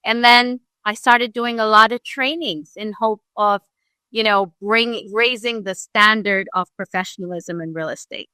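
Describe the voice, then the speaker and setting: A woman from Ghana, a real estate broker, telling her story as a guest in an earnest, animated way, with many fillers. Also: medium pitch, unhurried, clean tone, no echo. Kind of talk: casual interview storytelling.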